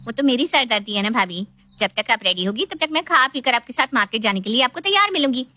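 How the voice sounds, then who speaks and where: A woman voicing a sharp-tongued, pushy young woman in an animated family story, bossy and whiny. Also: on the high side, fast talker, dry recording, voice pushed up. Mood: eager.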